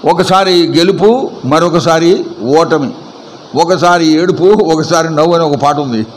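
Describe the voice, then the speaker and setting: A man's voice: a little high, a little slow, slight background noise, rough recording. A male pastor preaching a sermon at a church service. He is emphatic and keeps quizzing the congregation with repeated questions.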